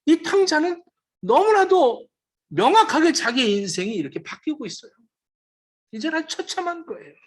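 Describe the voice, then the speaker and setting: A man's voice: very high voice, sing-song, normal speed. A man preaching a sermon as pastor, dramatic, acting out the quoted words of the dying. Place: church sanctuary.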